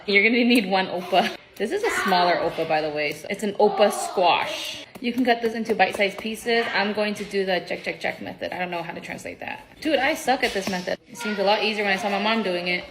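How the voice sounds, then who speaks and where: A young woman chatting through a casual food vlog, quick and joking as she cooks in her home kitchen on a phone. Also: mid-range voice, noisy background. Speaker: food vlogger.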